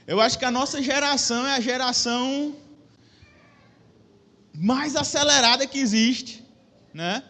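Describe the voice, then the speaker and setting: High-voiced Brazilian man preaching casually. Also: a little slow, pauses often, pushed and bright. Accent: Brazilian Portuguese. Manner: chatty, joking, self-deprecating, addresses the audience with questions. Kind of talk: casual conversational sermon. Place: church hall with a PA system. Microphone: microphone with a stage monitor.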